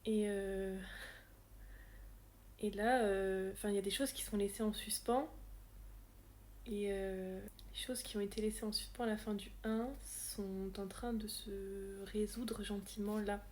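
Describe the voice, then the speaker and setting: A woman's voice: mid-range voice, fairly even intonation, measured pace, a little mellow, echoey room, a little hiss or hum. A young woman chatting casually about her reading plans in a book vlog, self-mocking and full of fillers. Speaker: book vlogger.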